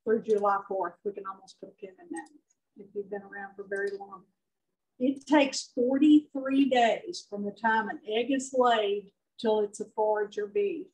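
A woman's voice: medium pitch, darkish tone. Middle-aged Texan woman co-presenting, distant. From southeast Texas. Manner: conversational, quick agreeing interjections. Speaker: beekeeping presenter. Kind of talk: club presentation talk. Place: large meeting hall with projector. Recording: distant room recording.

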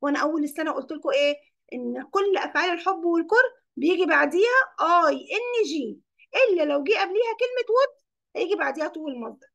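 A woman with an Egyptian Arabic accent teaches English words in a classroom lesson. She explains each term in Arabic and keeps questioning her pupils. Her voice sits high, with a gravelly edge. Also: lively intonation, fast, a bit bright.

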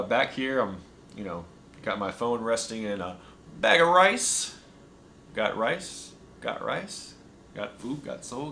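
A young man chatting casually in a travel vlog, describing food and his day in a relaxed, enthusiastic way. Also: on the low side, vocal fry, a little hiss or hum. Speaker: vlogger. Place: hotel room and small restaurant.

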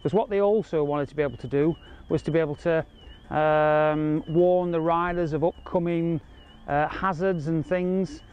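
This man's voice runs on the high side, steady and darkish at a moderate pace, and the audio has its highs cut off. He is a car audio installer giving a casual, explanatory walkthrough in a car park and inside a car. The handheld camera records him clearly amid ambient noise.

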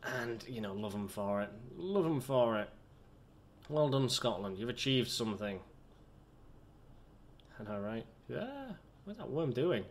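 A man talks over a game at a middle pitch, letting his commentary drift from one tangent to the next. His manner is chatty and self-mocking, as a gaming host thinking aloud. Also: lively intonation, unhurried, long pauses. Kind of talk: rambling gameplay commentary.

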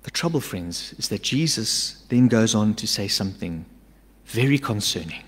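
A middle-aged man preaching a sermon from a church stage into a stand mic, emphatic, swinging between urgent loud lines and hushed asides. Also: lowish voice, lively intonation, moderate pace, husky. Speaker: pastor. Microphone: stand mic at a pulpit. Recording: long church-hall reverb.

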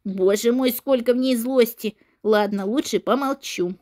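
Smug bratty schoolboy, lower than the performer's own register, taunting and boastful, a performer putting him on. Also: unhurried, a little mellow, lightly acted. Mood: sulky. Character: arrogant schoolboy who calls himself the coolest. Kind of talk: game role-play voiceover.

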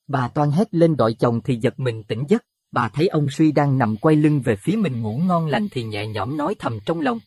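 A man narrating a Buddhist horror audio story in an expressive, dramatic way. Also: medium pitch, moderate pace, few pauses, breathy edge, no room sound. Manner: expressive, rising to alarm at scary moments.

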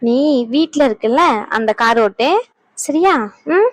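A woman's voice: high voice, expressive, a little slow, no echo, poor audio. Woman playing a teasing, scolding mother.

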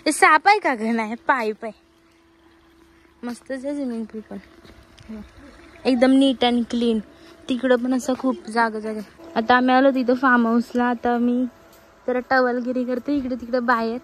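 Her voice sits on the high side, steady in tone and unhurried, with long pauses. She's a young Maharashtrian woman casually narrating a vlog to camera and chatting with friends across hillside trails and farm grounds, mixing in English words. The phone is held at arm's length, and the outdoor recording is noisy.

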